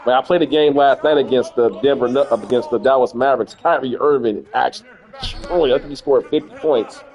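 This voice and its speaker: A gaming streamer plays a basketball video game while giving laid-back, rambling commentary, often repeating words as he thinks. His voice is medium-pitched, a little fast and a little mellow. The recording is muffled, with soft background music.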